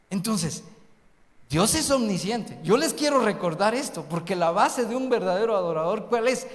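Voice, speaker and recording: A man with a high-pitched, fairly bright voice preaches a fervent missionary sermon, putting rhetorical questions to the congregation. He's in a church hall, and the recording carries the hall's long echo.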